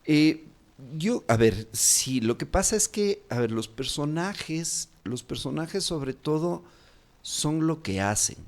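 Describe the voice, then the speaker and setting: A man's voice: on the high side, expressive, takes it slowly, darkish tone. A man with a Quito Ecuadorian accent, an actor chatting as an interview guest, rambling with many fillers and restarts. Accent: Quito Ecuadorian Spanish. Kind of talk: casual interview talk.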